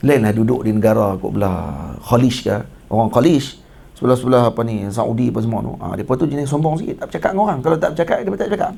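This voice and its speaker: A man's voice: medium pitch, lively intonation, racing, gravelly, mellow, slightly rough. A man with a Malaysian Malay accent giving a casual religious class, chatty and checking that listeners follow. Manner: chatty, asks listeners for agreement; mimics Arabic speakers' phrases. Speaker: religious teacher.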